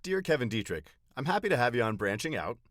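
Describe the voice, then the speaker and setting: A man's voice: medium pitch, very animated, quick pace, a bit bright, faint music behind. A man in his forties hosting a podcast, telling a scripted story with dry, self-deprecating humor. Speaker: podcast host. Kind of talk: scripted monologue intro.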